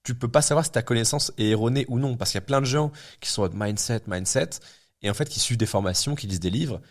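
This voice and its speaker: A man's voice: medium pitch, fast. A man in his twenties, a guest in a casual podcast chat, speaking bluntly and thinking aloud with plenty of fillers and restarts. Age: 20s. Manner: blunt, talks things through with many fillers and restarts. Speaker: guest entrepreneur.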